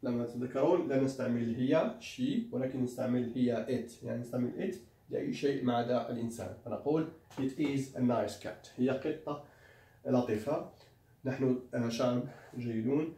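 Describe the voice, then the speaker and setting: Man, language teacher, slow deliberate delivery, repeats phrases, distant mic, echoey room. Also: mid-range voice, dark tone. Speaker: English teacher. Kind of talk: language lesson.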